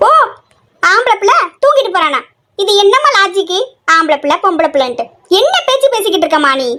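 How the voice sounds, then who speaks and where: A woman's voice: extremely high pitch, sing-song, fast talker, bright, forceful tone, full character voice. A woman voicing a sleepy, cheeky college-age daughter who whines and talks back in a family comedy skit. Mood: arguing.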